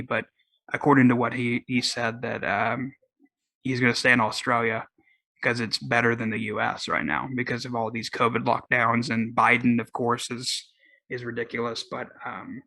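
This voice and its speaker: On his solo podcast, a Southern-accented host from Oklahoma chats in a loose, rambling way, often restarting and using fillers. His voice sits in the mid range and sounds pushed and bright on a dry recording.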